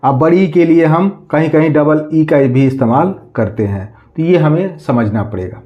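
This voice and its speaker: A man teaching a class, slowly spelling words out letter by letter, asking questions and answering them himself. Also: a little high, dull audio. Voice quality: slow, drawn-out letter-by-letter spelling, repeating questions.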